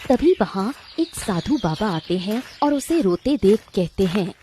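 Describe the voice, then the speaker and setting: A woman narrating a children's cartoon story in an expressive, dramatic way. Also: mid-range voice, measured pace, slight background noise.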